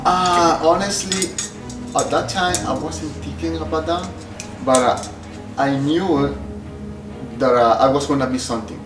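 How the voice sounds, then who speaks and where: A man's voice: a little high, a little slow, pauses often. A middle-aged man from El Salvador, a shop owner answering interview questions in a plain, hesitant way with many fillers. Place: clutch workshop. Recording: roomy sound from a distant mic, music behind.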